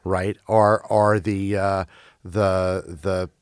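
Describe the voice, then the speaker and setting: A man with a lowish voice, chatting loosely about film and streaming. He grew up in Belgium, and he restarts his sentences and hunts for words as he goes. The sound is dry and close. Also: flat delivery, clear, resonant tone, dry recording. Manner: halting, many restarts and fillers.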